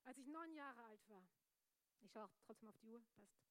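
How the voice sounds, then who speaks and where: High-voiced young woman preacher. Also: normal speed, no echo. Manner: energetic, laughs often, jokes with the audience. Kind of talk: lively youth sermon.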